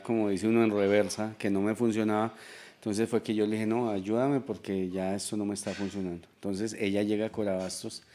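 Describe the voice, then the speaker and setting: A man giving a reflective, confessional testimony with hesitant restarts. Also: on the low side. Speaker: testimony guest. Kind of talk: casual spoken testimony.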